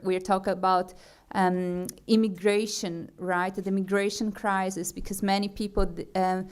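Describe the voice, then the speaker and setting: Giving a forum talk at a conference, a young woman from Brazil speaks English with her native accent. She goes slowly, hesitating on fillers and starting sentences over, in a clear, smooth, mid-pitched voice that's a little mellow.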